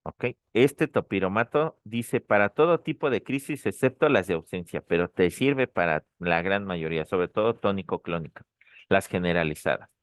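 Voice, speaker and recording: Low-voiced man teaching pharmacology online. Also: animated, normal speed, no room sound, studio quality. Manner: repeats key points, checks in with "ok?". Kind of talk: online lecture. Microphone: dry close mic, online session.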